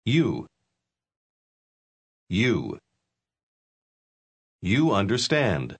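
Brief: American male drill speaker, deliberate and over-articulated, very lively intonation. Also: on the low side, creaky, husky. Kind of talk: slow syllable-by-syllable pronunciation drill.

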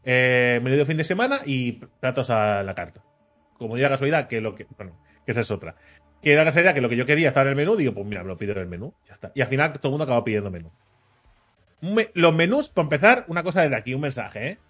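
A man's voice: medium pitch, racing. A man from Catalonia, telling a story in casual chat and acting out the dialogue with many asides. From Catalonia, Spain. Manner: animated anecdote-teller, acts out dialogue, laughs often, many filler "¿vale?".

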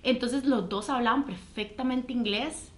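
A woman from Costa Rica with a Costa Rican accent, telling a story in animated, slangy casual chat. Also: fairly high pitch, measured pace. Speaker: podcast co-host. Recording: echoey room.

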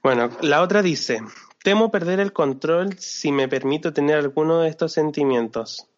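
A man's voice: on the high side, moderate pace. A young man with a Chilean accent, chatting casually in a hesitant, reflective way. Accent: Chilean Spanish. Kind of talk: casual chat. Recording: dull lo-fi audio.

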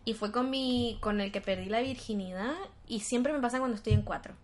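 A woman's voice: fairly high pitch, a little fast. A woman, speaking bluntly and candidly in a casual chat.

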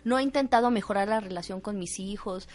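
Woman cohost on a psych talk show, medium voice, animated, does little bits of dialogue. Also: mid-range voice, a little fast. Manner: animated, acts out little dialogues while explaining. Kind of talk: conversational talk-show discussion.

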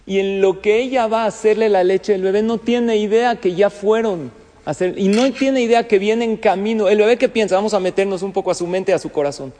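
A rabbi and lecturer gives a sermon in a large hall, telling stories, cracking jokes and asking the listeners questions. His voice is high and dark in tone, and he speaks fairly quickly.

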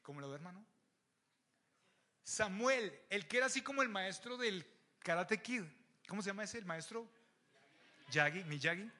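A young man with a Mexican accent preaching an animated, joking sermon to young people, often raising his voice. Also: high-pitched, normal speed, pauses often. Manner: animated, joking, shouts to the crowd. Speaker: youth preacher. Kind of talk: lively sermon.

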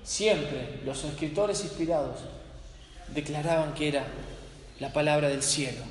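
A man preaching a sermon, telling stories dramatically and slowing down with weighty pauses for emphasis. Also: on the high side. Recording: echoey hall with faint noise.

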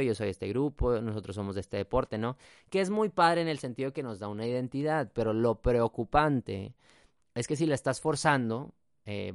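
A man's voice: medium pitch, no room sound, studio quality. Chatty Mexican man hosting a podcast. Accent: Mexican Spanish. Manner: chatty, mixes in English phrases, frequent tag questions. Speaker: podcast host. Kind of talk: casual reflective monologue.

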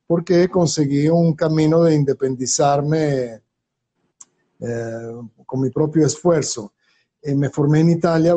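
An older man from Venezuela, a basketball coach, answering interview questions in a measured, reflective storytelling manner. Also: a little high, warm tone.

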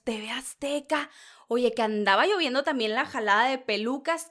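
A woman from northern Mexico with a northern Mexican accent, hosting celebrity gossip in a loud, dramatic, chatty way and acting out other people's lines. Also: on the high side. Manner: loud, animated, dramatic, mimics others mid-story. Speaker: entertainment gossip host. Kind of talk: casual celebrity gossip commentary.

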